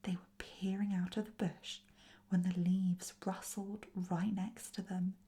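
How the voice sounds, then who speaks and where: A woman reading a children's story aloud in a soft, soothing whispered role-play. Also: mid-range voice, little pitch movement, measured pace. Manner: softly spoken, soothing.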